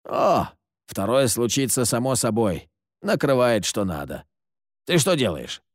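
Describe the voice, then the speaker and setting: Ворчливый больной незнакомец, насмешливый и грубый, сыплющий испанскими ругательствами, которого озвучивает мужчина-чтец. Живая, подвижная интонация, сухой звук без эха. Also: male voice, medium pitch, very animated, measured pace, dry recording, studio quality. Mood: sardonic. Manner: gruff, scornful, curses with Spanish words. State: ill, coughing. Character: sickly, sardonic grown man lurking in the dark.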